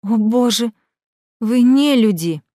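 A frightened young woman lashes back at her jailer with sharp, indignant words, as the storybook reader puts her on. Her pitch rises above the reader's own voice. The sound is close and dry. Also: animated, slow, dry recording. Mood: frightened anger. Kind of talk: audiobook reading.

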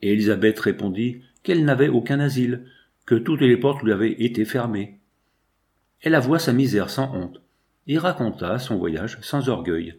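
A man narrates an old novel in a measured and expressive audiobook reading. His voice sits in an ordinary middle pitch for a man. The tone is steady storytelling throughout.

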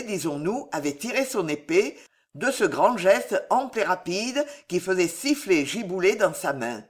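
A man reading a historical adventure novel aloud in a measured, theatrical way. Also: high-pitched, husky. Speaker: audiobook reader.

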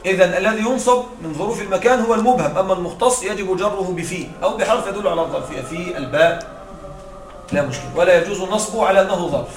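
A man's voice: sits high, very fast, soft background music. A man teaching Arabic grammar to a class, explaining rules through examples and checking whether students follow. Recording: echoey room with faint noise.

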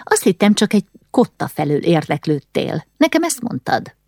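A woman's voice: on the low side, big pitch swings, gravelly, dark tone, dry recording, clean studio sound, exaggerated voice. A woman voicing a haughty, fussy aristocratic mother who is condescending and easily alarmed, in an audiobook reading.

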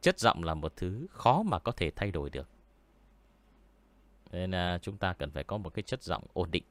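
A man with a deep voice, hosting a story-reading channel and chatting casually with viewers, unhurried and full of hesitant fillers. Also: very animated, no echo. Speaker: horror story reader and channel host. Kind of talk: casual livestream chat answering viewers. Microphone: studio mic with pop filter.

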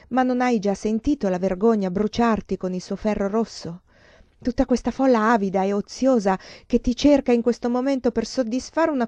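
A woman's voice: mid-range voice, dark tone, no room sound, natural voice. A woman voicing a proud, despairing woman who speaks with anguish and pleading, in a dull lo-fi recording.

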